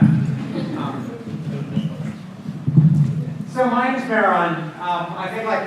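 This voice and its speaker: A middle-aged man giving an informal, conversational public lecture as a university teacher, often checking in with "right?" and "you know.". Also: high voice. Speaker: university computer science lecturer. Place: indoor lecture room with an audience. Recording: echoey room, audible background noise.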